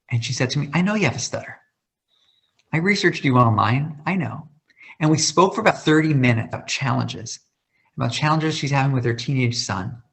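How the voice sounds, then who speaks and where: A guest speaker in his thirties talks about his life during an online Q&A, passionate and dramatic. He stutters and repeats words, and his mid-range voice has a fairly bright tone.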